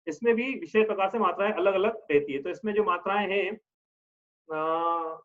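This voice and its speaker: Chanting verses in a slow, drawn-out melody, a man teaches religion patiently, going step by step and frequently checking on his listeners. His high voice has a fairly bright tone, and the highs in the audio are cut off.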